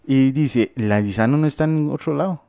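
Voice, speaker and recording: Man, casual faith talk, halting with fillers and rhetorical questions, dry close sound. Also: mid-range voice, vocal fry, dark tone, no room sound. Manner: hesitant, many fillers and restarts, rhetorical questions. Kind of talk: casual religious discussion.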